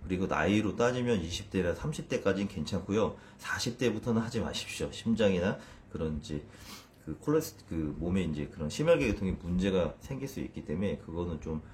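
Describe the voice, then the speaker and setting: A man's voice: deep voice, expressive, brisk, hardly any pauses, darkish tone, slight background noise. A man in his thirties explaining exercise as a fitness trainer in a casual video, stumbling and restarting with a self-deprecating manner.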